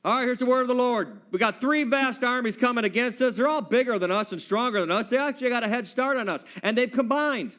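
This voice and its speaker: Male preacher, high voice, playful sermon delivery, acts out scenes in voices. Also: quick pace, few pauses, fairly bright tone. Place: church.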